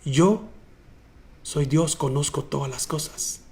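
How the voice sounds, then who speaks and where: A man voicing Jesus as calm and all-knowing in a sermon, speaking low, quiet and solemn. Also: takes it slowly.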